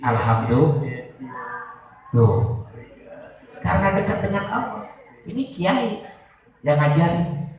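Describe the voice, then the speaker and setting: A comedic preacher with a fairly high, very animated voice gives a humorous sermon at a live event, taking it slowly with long pauses and crowd noise around him. He tells stories, addresses the audience often, and prays aloud to them dramatically. The recording sounds very echoey and distant, as in a live venue.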